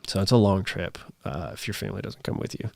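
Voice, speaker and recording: A man in his thirties hosts a live stream, chatting casually and reading out viewer comments in a low-pitched, strained, raspy voice. He talks quickly in rambles full of fillers, with no room sound.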